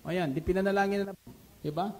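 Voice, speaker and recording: A man preaching a radio sermon in an animated, rhetorical way, mixing English phrases into his talk and often asking his listeners if they agree. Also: sits high, fast. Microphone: studio microphone.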